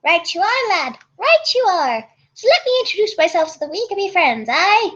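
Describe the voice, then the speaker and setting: A woman's voice: very high voice, sing-song, normal speed, a bit bright, muffled recording, pitched above the performer's own voice, exaggerated voice. A woman voicing a tiny, cheerful, sly leprechaun man in a storybook tale, with a coaxing Irish lilt. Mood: friendly coaxing.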